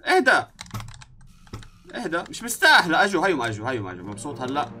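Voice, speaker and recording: A young man with a Levantine Arabic accent giving let's-play commentary, excitable and swinging between yelling and muttering to himself. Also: on the high side, rapid-fire, heavy background noise. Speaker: gaming YouTuber.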